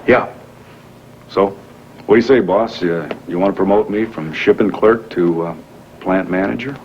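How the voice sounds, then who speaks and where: An actor playing a wealthy young man who has posed as a factory worker, explaining himself earnestly with halting fillers, in 1980s daytime soap acting heard from a worn VHS tape copy. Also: low-pitched. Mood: confessing. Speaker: businessman explaining a masquerade. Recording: muffled hissy worn videotape of a TV broadcast.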